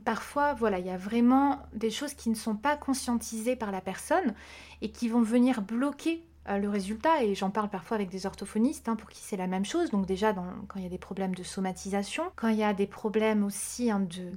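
A woman who works as a vocal coach, explaining her ideas in a relaxed interview with frequent hesitations. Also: mid-range voice, fairly quick. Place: podcast recording.

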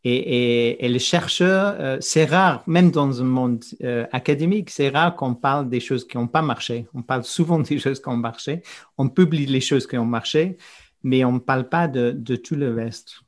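A man's voice: medium pitch, moderate pace. A middle-aged man in talks spontaneously as an interviewed researcher, repeating words as he searches for phrasing. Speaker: researcher and podcast co-host, interview guest.

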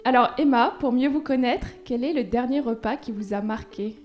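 A woman hosting a food podcast, reading her intro and asking interview questions in a measured, clearly articulated way. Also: on the high side, darkish tone, faint music behind. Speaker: podcast host.

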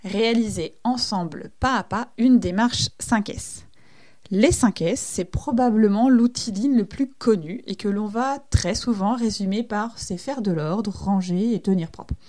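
A woman's voice: mid-range voice, measured pace, dark tone. Woman podcast host, friendly explainer, natural chatty delivery with fillers.

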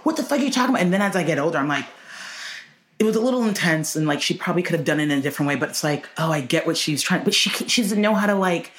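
A woman from Houston talking candidly as a podcast guest, loose and animated, full of "like" and casual swearing. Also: deep voice, fast. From Houston, Texas. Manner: loose and animated, heavy filler "like", swears freely.

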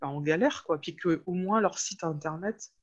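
On a muffled recording, a woman whose first language is French talks about her personal story in a casual podcast interview, where she appears as a web entrepreneur. Speaking at normal speed in a fairly low pitch, she chats freely but often gropes for words.

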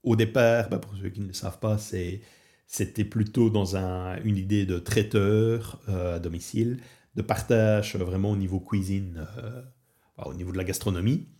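Homme belge hésitant, voix sombre. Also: male voice, lowish voice, fairly even intonation, normal speed, dark tone. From Belgium. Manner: hesitant, many fillers and restarts. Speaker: podcast host and barbecue trainer. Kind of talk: casual podcast talk. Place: Portugal.

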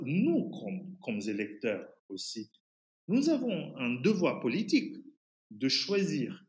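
A man speaking French with a foreign, English-influenced accent, giving an impassioned interview in an emphatic but halting way, searching for words. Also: on the high side, a little mellow. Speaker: podcast guest, activist. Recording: roomy, echoing sound.

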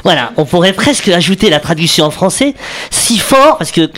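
A man's voice: a little high, lively intonation, quick pace, loud music behind the voice. A man presenting a comic segment on a radio show in the studio, playful and chuckling at his own jokes. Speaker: radio columnist.

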